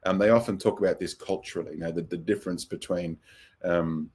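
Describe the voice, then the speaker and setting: Husky-voiced New man teaching. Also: low-pitched, fairly quick. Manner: relaxed, thoughtful, with frequent fillers and acted-out example phrases. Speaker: counselor teaching a webinar. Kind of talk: conversational webinar teaching.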